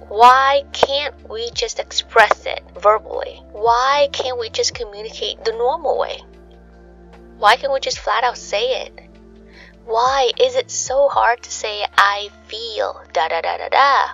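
A woman's voice: medium pitch, creaky. A woman hosting a bedtime sleep podcast in the manner of a sleep story narrator, musing conversationally as she goes. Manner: conversational, musing, asks rhetorical questions. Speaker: host of a relaxation sleep podcast. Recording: dull lo-fi sound, music behind. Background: soft background music.

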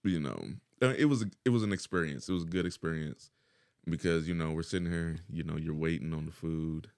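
A man's voice: very deep voice, brisk, a little mellow, dry recording, studio quality. A middle-aged man chatting casually as a podcast guest, laid-back and profane, laughing often.

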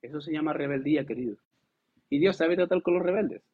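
A man's voice: a little high, brisk, breathy edge. Man preaching over a tinny line. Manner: lively, conversational preaching with rhetorical questions and acted quotes. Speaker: pastor. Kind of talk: sermon. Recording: tinny phone-like sound.

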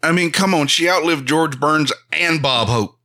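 A man co-hosts a casual podcast and tells his stories with animated energy. His voice is bright and forceful and sits somewhat high for a man. He laughs along as he talks. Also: normal speed. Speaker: podcast co-host. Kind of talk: casual chat.

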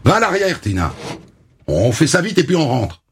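A man voicing a threatening, abusive man who speaks in a low, hushed menace. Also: huge pitch swings, moderate pace, slightly rough, exaggerated voice. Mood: menacing.

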